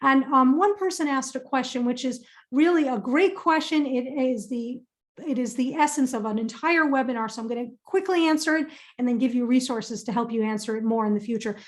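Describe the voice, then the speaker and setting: A woman with a high, quick voice hosts a career webinar and fields audience questions. She sounds upbeat and emphatic, frequently repeating phrases to drive a point home.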